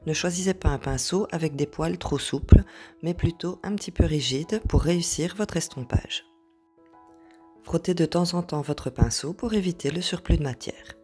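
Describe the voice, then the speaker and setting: A woman hosting an art journal tutorial, explaining each step calmly, with occasional hesitations. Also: fairly low pitch, normal speed, breathy edge, faint music behind. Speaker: craft tutorial host.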